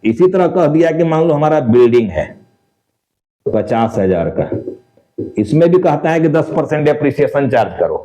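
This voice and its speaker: With a slightly high, warm, sing-song voice at normal speed, a man gives an explanatory lecture on accounts, going step by step and answering his own questions for the students. He keeps saying "dekho" and "theek hai" to check in with them. The audio is poor.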